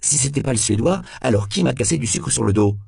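A man voicing a nervous, defensive suspect who stammers and bursts out in shrill panic in an audiobook. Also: expressive, brisk, gravelly, warm tone, no echo, studio quality. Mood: indignant. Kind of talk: audiobook character voice.

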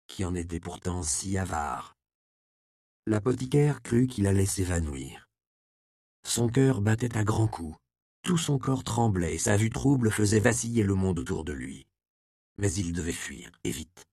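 A man narrating a historical novel in a steady, measured reading. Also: sits low, creaky, no echo, clean studio sound. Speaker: audiobook narrator. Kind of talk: scripted narration.

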